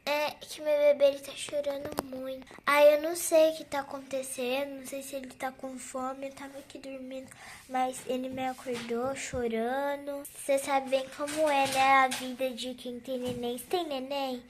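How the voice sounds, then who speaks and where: A woman's voice: sits high, little pitch movement, normal speed, a little hiss or hum, close to an everyday voice. A young woman voicing a tired mother on a flight with a crying baby, sighing and weary. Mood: explaining. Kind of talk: game role-play voiced over.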